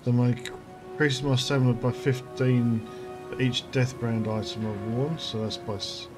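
A man at an ordinary middle pitch gives relaxed commentary on the game he is playing, thinking aloud and reading item stats as he goes. Game music plays clearly beneath his voice the whole time. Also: moderate pace. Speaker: gaming channel host. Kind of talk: casual gameplay commentary.

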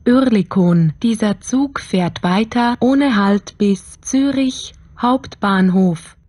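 Slow female train announcer over the intercom. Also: medium pitch, a little mellow, faint music behind. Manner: formal, measured, station names set apart.

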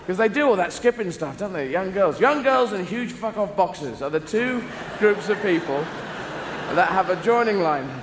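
This comedian, a man in his thirties, works a big theatre stage with a rambling, playful set full of acted-out voices. His voice sits high and sounds animated at a moderate pace. Laughter from the crowd and background noise fill the echoey live recording.

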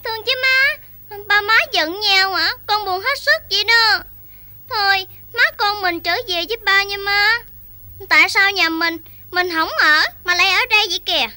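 A woman's voice: very high voice, normal speed, pushed and bright, no echo, heavily acted. An actress playing a sick little girl in a Vietnamese cải lương stage play, pleading and tearful.

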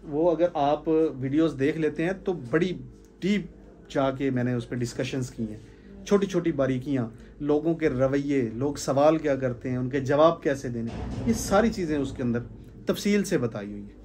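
A man's voice: medium pitch, moderate pace, a little mellow, slight background noise. A man gives an informal sales talk to a small group, stressing points by repeating phrases. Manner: emphatic, repeats phrases for stress, gestures while talking. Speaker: sales trainer. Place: indoor room with curtains.

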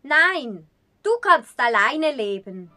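A woman playing a proud, sharp-tongued blind painter, snapping back with quick, scornful retorts in acted short-film dialogue. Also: sits high, very animated, faint music behind, exaggerated voice.

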